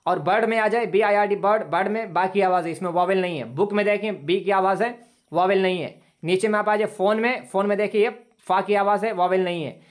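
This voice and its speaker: A man teaching an online English class over a video call, explaining patiently, repeating points and stretching out example sentences slowly. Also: high voice, steady tone.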